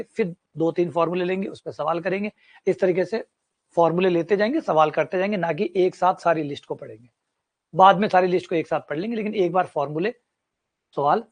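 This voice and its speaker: A man, teaching a maths class as a lecture and explaining with everyday examples and repetition. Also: sits high.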